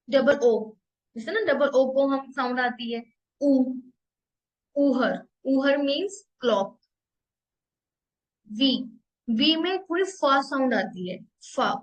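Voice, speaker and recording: A woman German language instructor giving a recorded lesson, repeating each sound several times in a slow, deliberate way. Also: high voice, a bit bright, rough recording. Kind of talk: recorded language lesson in Hindi-English mix.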